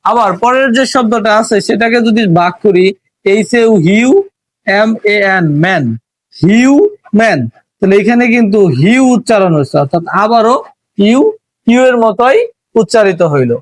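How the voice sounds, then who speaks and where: High-voiced Bangladeshi teacher, dry sound. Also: male voice, dry recording. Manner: slow, explanatory, drawing out letter sounds. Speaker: English teacher. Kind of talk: classroom lesson on pronunciation.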